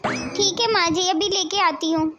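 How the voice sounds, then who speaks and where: A woman's voice: extremely high pitch, measured pace, noisy background. A woman voicing a meek, dutiful young daughter-in-law in a cartoon comedy. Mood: apologetic. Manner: apologetic, pleading.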